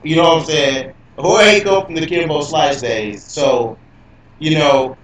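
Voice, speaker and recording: A man's voice: fairly high pitch, a little slow. Robot-glitched man, very echoey. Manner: loose, profane, repeats himself a lot. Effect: clangy robotic glitch on the voice. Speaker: livestream host. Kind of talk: casual live stream chat. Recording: robotic, echoey, distant computer mic.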